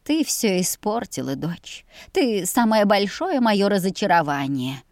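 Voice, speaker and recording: A woman voicing a cold, disappointed mother who speaks to her daughter in a hushed reproach. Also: mid-range voice, very animated, unhurried, dry recording, studio quality. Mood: reproachful.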